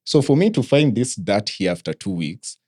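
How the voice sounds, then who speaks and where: A man's voice: fairly low pitch, very animated, normal speed, darkish tone, dry recording, clean studio sound. A man with a Kenyan accent moderating a casual panel talk, switching between English and Swahili. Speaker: podcast host and moderator.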